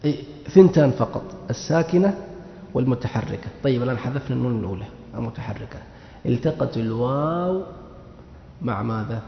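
A man delivers a grammar lesson, posing questions and answering them himself while repeating key words. His medium-pitched voice is expressive and brisk with some vocal fry and slight background noise. The recording is muffled and echoey, as if made in a hall.

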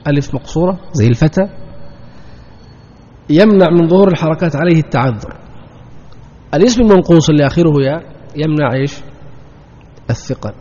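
A man with a slightly high, dark, somewhat rough voice teaches a grammar lesson, posing questions to his students, answering them himself, and repeating key terms. The lo-fi recording sounds dull and echoes at length, as if made in a large hall.

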